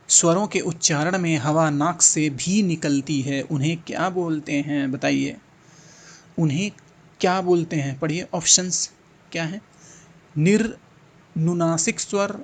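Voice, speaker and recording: A man teaching an exam-prep lesson, thinking aloud, repeating sounds and answer options and urging students to answer. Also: fairly high pitch. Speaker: Hindi exam tutor.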